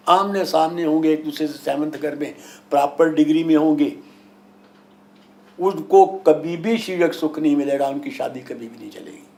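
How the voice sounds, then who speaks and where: A man speaking as a guru and astrologer, giving an emphatic, didactic discourse with anecdotes, repetition and rhetorical questions. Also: on the high side. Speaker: guru and astrologer being interviewed. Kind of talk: spiritual discourse with anecdotes and explanations.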